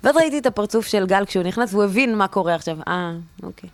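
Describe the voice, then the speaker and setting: A woman chatting casually on a podcast, telling stories in an animated, indignant rant. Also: medium pitch, no room sound.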